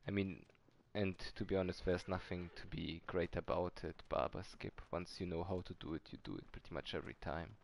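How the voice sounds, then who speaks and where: A man's voice: low voice, steady tone, fairly quick, gravelly, hardly any pauses. A man casually commenting while speedrunning a game, chatting with viewers and shrugging off his own mistakes. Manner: chatty, answers chat, self-deprecating about mistakes. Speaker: speedrunner streamer.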